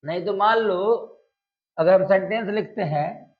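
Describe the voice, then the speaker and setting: High-voiced teacher quizzing his class. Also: highs cut off. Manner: quizzes students with constant questions; drawls out example sentences slowly. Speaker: English teacher. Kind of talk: classroom grammar lesson.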